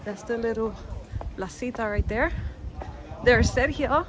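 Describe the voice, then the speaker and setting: A woman's voice: a little high, unhurried. A young woman casually narrating a walking tour while filming on a handheld phone outdoors, upbeat, chatty and playful. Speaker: travel vlogger. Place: outdoors on town streets and stairs. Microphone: handheld phone camera on a selfie stick. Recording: loud outdoor noise, street and wind.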